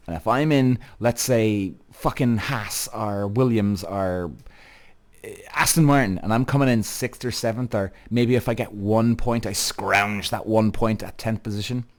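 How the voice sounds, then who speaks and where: This is a man with a Cork accent from the south of Ireland, talking as the host of a show. He gives casual motorsport commentary with emphatic, blunt opinions. His delivery is conversational and peppered with swearing. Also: fairly low pitch. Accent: Cork Irish.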